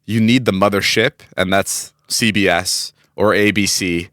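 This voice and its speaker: At a measured pace, a U.S. man in his 20s co-hosts a casual podcast, spinning lively stories with frequent swearing. His pitch jumps up whenever he imitates what people said.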